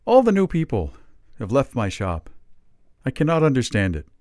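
A man reading aloud gives a higher, weak and plaintive voice to a feeble, dying, mild old Father Christmas. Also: wildly swooping pitch, moderate pace, darkish tone, no room sound, clean studio sound.

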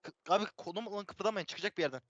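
A man streaming a shooter game, rapidly calling out positions and urging teammates on with repeated commands. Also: sits high, fairly bright tone, no room sound, muffled recording. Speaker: streamer and team caller. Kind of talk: live gameplay callouts.

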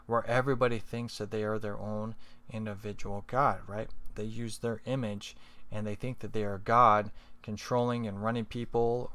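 A man reading scripture and reflecting on it in a relaxed, meandering way, with many fillers and tag questions. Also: on the low side. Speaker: scripture reader and speaker.

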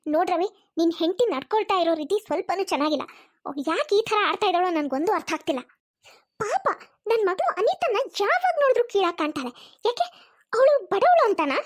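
A woman voicing an older mother-in-law in a cartoon, speaking slowly and reproachfully. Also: extremely high pitch, sing-song. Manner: slower, reproachful.

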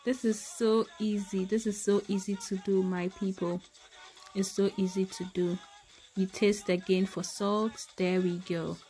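In her home kitchen, a woman from Ghana casually shows how to make a recipe, addressing viewers as "my people" and exclaiming about the food. She speaks in a mid-range, mellow voice with flat delivery at a measured pace over faint music.

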